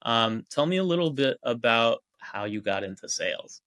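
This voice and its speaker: A man's voice: medium pitch, expressive, normal speed, a bit bright, dry recording. Easygoing male podcast host, dry sound. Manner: easygoing, with frequent "uh" and "like". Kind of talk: conversational interview.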